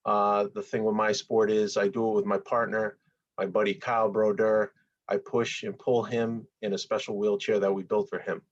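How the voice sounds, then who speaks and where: A man in his forties speaks in a measured way on a panel call. His voice is low and monotone. The audio is dull and lo-fi. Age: 40s. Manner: measured, with fillers. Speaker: panel guest, athlete. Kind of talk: casual answers on a video call. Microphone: video call.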